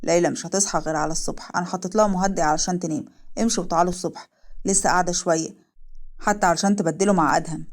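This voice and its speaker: A woman voicing a calm male doctor who gives instructions in Egyptian Arabic. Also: sits high, very fast. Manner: reassuring, matter-of-fact.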